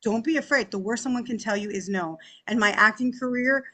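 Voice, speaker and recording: A woman in her forties speaking on a conference panel, energetic and emphatic, often tagging her points with "right?". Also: a little high, a little fast. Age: 40s. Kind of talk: panel discussion.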